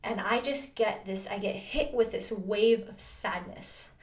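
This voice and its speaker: A woman vlogger with a medium-pitched voice tells a personal story a little slowly, earnest and chatty, full of "like" and restarts. The recording has a roomy echo from the space she's in.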